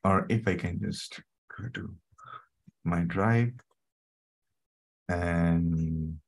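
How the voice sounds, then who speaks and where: Speaking very slowly in a gravelly, low, soothing voice, a middle-aged man with an Indian English accent runs a live tech webinar online. His manner is conversational, with frequent fillers such as "okay" and "right."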